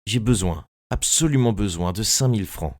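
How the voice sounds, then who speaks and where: A man's voice: fairly low pitch, expressive, normal speed, a little mellow, no room sound, studio quality, lightly acted. A man voicing a troubled, hypnotized young woman who pleads hesitantly and anxiously. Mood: anxious pleading.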